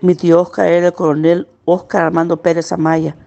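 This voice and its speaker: Creaky-voiced woman giving pained testimony. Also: lowish voice, flat delivery, mellow, highs cut off. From El Salvador. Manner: earnest, pained recounting, slowing at hard moments. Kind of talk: personal testimony.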